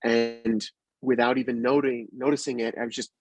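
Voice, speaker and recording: A man's voice: medium pitch, moderate pace, music in the background. A man being interviewed, animatedly retelling a training story and acting out what was said. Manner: animated retelling, acts out quotes. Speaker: guest. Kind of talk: casual storytelling.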